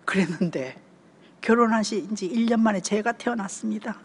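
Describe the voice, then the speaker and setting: Her medium-pitched delivery is brisk, heard in a large hall over slight background noise. She's a seventies-aged deaconess from the Gyeongsang region, giving a conversational family seminar talk at church, full of stories and frequent check-ins with the audience.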